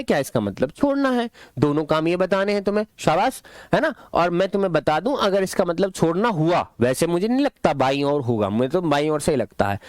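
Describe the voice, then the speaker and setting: A man's voice: on the high side, no room sound, studio quality. A man teaching an English lesson to his students. He is playful and affectionate, and he keeps asking questions and then answering them himself. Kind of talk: classroom-style language lesson.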